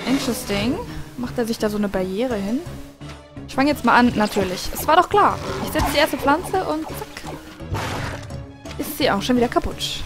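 A woman giving casual gaming commentary, chatting and thinking aloud as a let's play host. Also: a little high. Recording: game music behind the voice. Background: video game music and effects.

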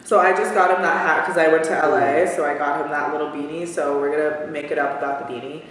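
A woman's voice: low voice, fairly even intonation, fast, fairly bright tone. A young woman co-hosting a casual vlog, talking in a giggly, bubbly way. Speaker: vlog co-host. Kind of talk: casual chat. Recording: echoey room, distant mic, faint noise.

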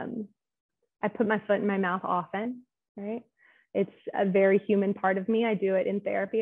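A woman's voice: medium pitch, no echo. Chatty woman therapist over tinny audio. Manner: chatty, keeps asking "right?" to check in with listeners. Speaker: clinical social worker presenting to clinicians. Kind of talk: conversational webinar presentation.

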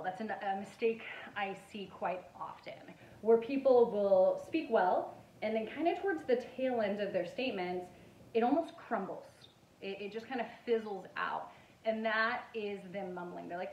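Woman instructor, casual lecture delivery, chatty with fillers, mic at a distance in a roomy space. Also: medium pitch. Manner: conversational, uses fillers, acts out examples. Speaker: public speaking instructor. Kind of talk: informal lecture. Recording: echoey room from far off with faint noise.

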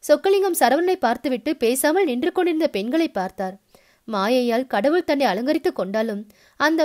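High-voiced woman reading a story. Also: a little mellow. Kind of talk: reading a novel aloud.

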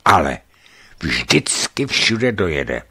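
A man voicing a lively, emphatic woman who runs a hotel, in a radio book reading. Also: deep voice, slightly rough, full character voice. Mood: dramatic. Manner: dramatic, emphatic storytelling. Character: lively hotel directress, middle-aged woman, dramatic gossip.

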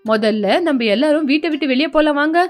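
A woman voicing an older, fretful mother-in-law in an animated story, sharp and scolding. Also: high voice, quick pace, soft background music, natural voice.

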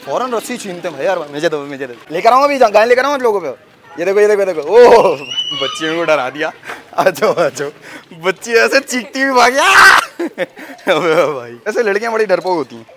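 A young man from Pakistan filming a joking vlog outdoors, excitable and often shouting at the kids around him. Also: high-pitched, fairly quick, background noise. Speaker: vlogger. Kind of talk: casual vlog commentary. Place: outdoors on a busy street.

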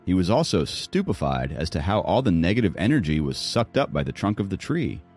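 Male audiobook narrator, very low voice, animated melodic reading. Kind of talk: scripted narration.

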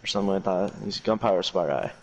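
A man's voice: low-pitched, racing, dull audio. Laid-back young man explaining game tips. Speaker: friend playing along. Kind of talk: casual gaming chat.

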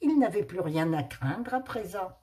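A woman reads a children's storybook aloud at a slow, careful pace. Her voice sits in a middle range and shapes each scene expressively. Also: medium pitch, lively intonation, dark tone.

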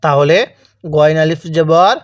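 This man speaks at a measured pace in a fairly high, fairly even voice; there's no room sound and the highs are cut off. He's giving a slow recitation lesson on reading Arabic letters, with a Bangladeshi Bengali accent, drilling each syllable and repeating it for the learner.

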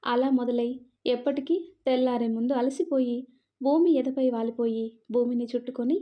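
A woman storyteller narrating a romance story in a calm, even manner on a slightly muffled recording. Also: on the high side, moderate pace.

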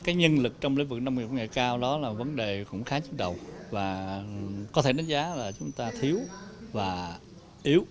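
Middle-aged official outdoors. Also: male voice, mid-range voice, animated, crowd noise. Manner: plain-spoken, halting explanations with fillers. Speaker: agricultural zone official. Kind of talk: news interview. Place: outdoors in a park. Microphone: handheld reporter mic. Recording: outdoor insects and birds behind.

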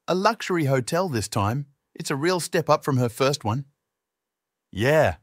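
A man's voice: medium pitch, dry recording, studio quality, lightly acted. A man voicing a catty wedding guest gossiping snidely in an audio story.

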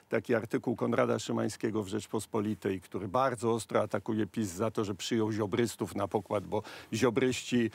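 A middle-aged man, a political commentator in a studio panel discussion, speaking with animated, sardonic asides on a lapel mic. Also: lowish voice, vocal fry, no room sound. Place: TV studio set.

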